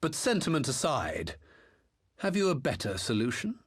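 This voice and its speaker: In a medium-pitched voice with wildly swooping pitch and a breathy edge, a man delivers heavily acted lines at a moderate pace. For a video game cutscene he plays a smug, theatrical former imperial officer and master engineer, needling and persuasive, mocking with grandiose courtesy.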